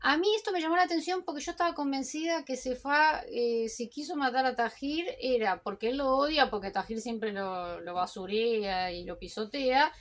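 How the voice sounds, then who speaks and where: A woman's voice: sits high, fairly bright tone. A woman casually recapping and commenting on a TV series, chatty and full of restarts and asides.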